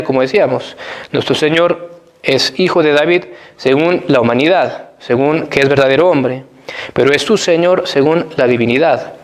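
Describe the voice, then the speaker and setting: A priest preaching a Sunday sermon in Spanish-language Mass, explaining scripture in a measured, repetitive teaching manner. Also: male voice, on the high side.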